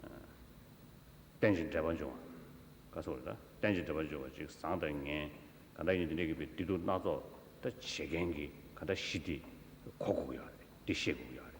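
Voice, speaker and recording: A Tibetan man giving a Buddhist teaching in turns with an interpreter, speaking haltingly with repeated words and filler syllables. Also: rumbling low. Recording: echoey hall, long reverb, faint noise.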